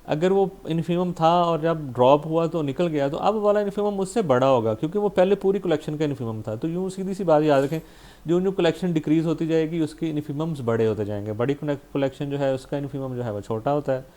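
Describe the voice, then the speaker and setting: A man's voice: fairly high pitch, a little fast, mellow. A man with a Pakistani Urdu accent giving a recorded math lecture, explaining step by step, checking in often with his listeners and mixing English math terms into his speech. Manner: explains step by step, frequent "theek hai ji" checks.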